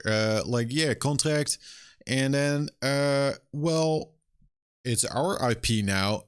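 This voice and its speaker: Young male streamer, mid-pitch voice, venting with profane, exasperated energy. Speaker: streamer and game developer. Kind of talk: casual livestream rant.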